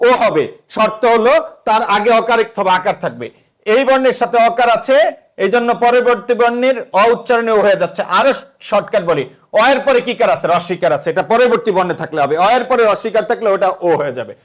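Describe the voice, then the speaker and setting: A man's voice: high-pitched, animated, quick pace. A young man teaching an exam-prep lesson, asking the students questions and then answering them himself.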